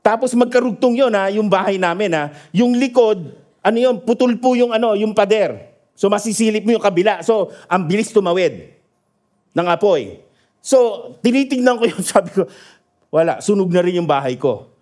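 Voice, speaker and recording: A man preaching a sermon in a lively storytelling manner, often asking his congregation for an amen and laughing at his own stories. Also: sits high, normal speed. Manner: asks the congregation for agreement. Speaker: pastor. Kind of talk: sermon mixing Tagalog and English. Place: church.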